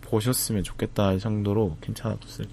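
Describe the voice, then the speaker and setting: A man, talking to camera about a film festival trip in a reflective, casual way, with frequent pauses, fillers and restarts. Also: fairly low pitch, little pitch movement, creaky, dark tone. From Busan, South Korea. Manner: thoughtful, hesitant, many fillers and restarts.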